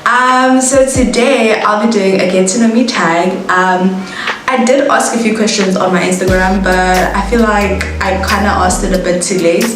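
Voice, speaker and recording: A woman's voice: medium pitch, fairly even intonation, normal speed. South african woman, twenties, chatty vlogger, very echoey room, music playing underneath. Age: 20s. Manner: chatty, laughs at herself, bubbly asides. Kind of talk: casual get-to-know-me chat. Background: background music.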